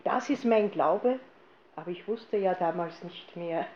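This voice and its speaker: An Austrian woman stands before an audience and tells her personal faith story with lively animation, playing out her old words as she goes. Her mid-pitched voice rings in a roomy space, and the sound is a little dull, with faint ambience behind it. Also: unhurried, a little hiss or hum. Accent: Austrian German. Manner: lively storyteller who acts out her own past lines. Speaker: speaker giving a testimony.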